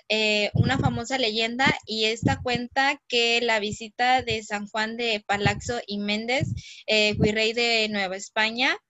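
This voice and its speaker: A Mexican woman giving a talk, pausing often with fillers. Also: medium pitch, sharp tone, no echo, rough recording. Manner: hesitant, many fillers. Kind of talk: presentation.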